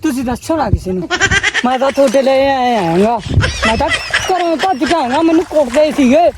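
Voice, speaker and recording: A squeaky, very high village boy with a Punjabi accent, whining and pleading. He is scared and hungry. The sketch was recorded outdoors with clear wind and field noise behind. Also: fairly quick. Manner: whiny, pleading.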